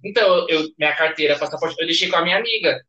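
A young man with a Brazilian accent, a podcast guest telling a story in casual chat, animated and laughing. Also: a little high, rapid-fire, highs cut off.

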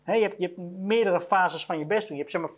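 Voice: mid-range voice, fast talker. A business owner giving a blunt motivational monologue about career advice, repeating each point to hammer it home.

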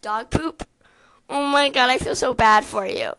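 Giggly high-voiced woman, slow talker. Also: bright, forceful tone, low-quality recording. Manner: giggly, squeamish, lots of laughing. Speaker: co-host. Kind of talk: casual taste-challenge chat.

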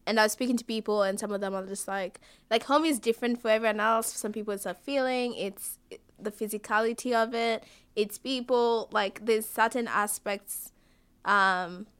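A woman's voice: on the high side, fairly even intonation, moderate pace, clean tone. A young woman interviewing someone casually, peppering her questions with "like" and letting her sentences trail off. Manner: casual, many "like" fillers, trailing off softly.

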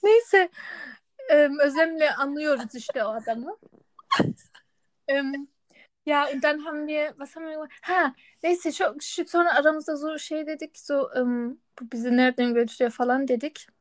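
A woman's voice: sits high, moderate pace. A young woman, co-hosting a podcast in casual chat and switching between two languages as she animatedly acts out little exchanges. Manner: animated storytelling, acting out quoted exchanges. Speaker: podcast co-host. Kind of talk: casual chat, anecdotes mixing Turkish and German.

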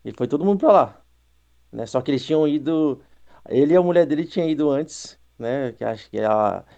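A man telling a story in a halting way on a casual podcast. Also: fairly high pitch, expressive, vocal fry, mellow. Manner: halting, restarts a lot. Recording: dull lo-fi mic.

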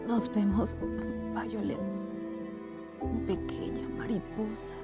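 A woman playing a dying mother, hushed and weak. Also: medium pitch, steady tone, measured pace, over loud music, natural voice. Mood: weak tender. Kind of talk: dramatic audiobook reading.

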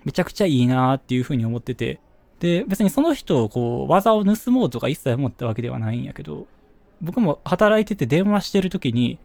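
A young man with a Kansai accent, chatting casually as a podcast co-host, musing with quick asides. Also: a little high, big pitch swings, gravelly, a little mellow, no echo. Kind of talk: casual chat.

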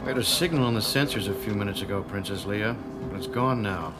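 An actor in a radio drama playing a businesslike, cautious military general with a matter-of-fact, authoritative manner. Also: male voice, lowish voice, quick pace, loud music behind the voice, close to an everyday voice. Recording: clear ambient noise behind.

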